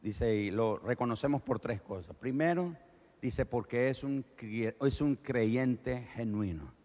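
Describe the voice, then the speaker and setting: A man with a Nicaraguan accent preaching a sermon, telling the story with animated, dramatic delivery. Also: medium pitch, measured pace, big-room sound. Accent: Nicaraguan Spanish.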